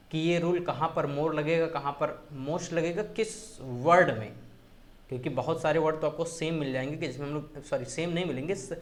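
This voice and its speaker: A man with a Hindi accent teaching an English grammar lesson, repeating example words slowly several times. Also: a little high. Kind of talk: classroom-style grammar lesson.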